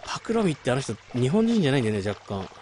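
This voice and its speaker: A man's voice: mid-range voice, sing-song, very fast, darkish tone, slight background noise. A man streaming a game late at night, chatting casually and muttering reactions to the gameplay. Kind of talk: late-night casual chat while gaming.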